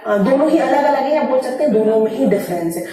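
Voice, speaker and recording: A woman's voice: high-pitched, lively intonation, fast talker, a crowd in the background. A woman teacher giving a grammar lesson, explaining step by step and answering her own questions. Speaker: English teacher. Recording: very echoey room, distant mic.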